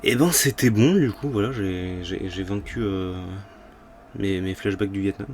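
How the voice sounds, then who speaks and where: Deep-voiced man doing rambling gaming commentary. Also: unhurried, a little mellow, a little hiss or hum. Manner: rambling, jokey, mild swearing. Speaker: gaming video host. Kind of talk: casual playthrough commentary. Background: game music.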